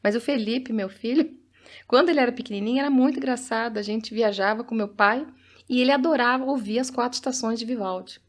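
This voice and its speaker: A woman's voice: fairly high pitch, fast. Chatty Brazilian woman co-host. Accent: Brazilian Portuguese. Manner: chatty and personal, tells anecdotes. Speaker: podcast co-host and teacher. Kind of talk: casual podcast chat.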